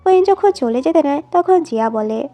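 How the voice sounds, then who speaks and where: A woman narrating a drama plot in a steady storytelling read, quoting each line of dialogue. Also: sits high, moderate pace, faint music behind.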